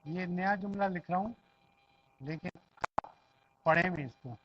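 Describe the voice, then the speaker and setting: A man's voice: high voice, measured pace, noisy background. A man teaching an Arabic class in a classroom, patiently repeating each phrase and explaining it word by word. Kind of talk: classroom language lesson. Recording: dull lo-fi recording.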